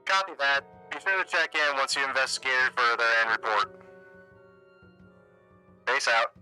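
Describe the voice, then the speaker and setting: Man voicing a formal Imperial comms officer on the cockpit radio, high and piercing, polished tone, faint music bed. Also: lively intonation, normal speed, pushed and bright, clear, resonant tone, low-quality recording. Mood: curt. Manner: clipped, formal radio protocol. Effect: voice heard over cockpit comms radio. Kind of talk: tabletop game voicing.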